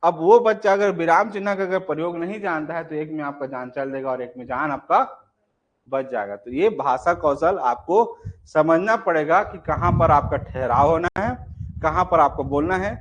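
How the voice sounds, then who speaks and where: A man's voice: on the high side, moderate pace, slight background noise. A young adult man teaching an online exam-prep class. He keeps asking rhetorical questions to check understanding and acts out example phrases.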